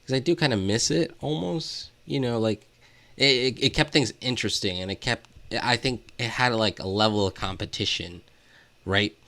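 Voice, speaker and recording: A man co-hosts a podcast about music, chatting casually and rambling, hesitating often and leaning heavily on "like" as filler. His voice sits on the low side with a slightly bright tone, and he speaks at a normal speed.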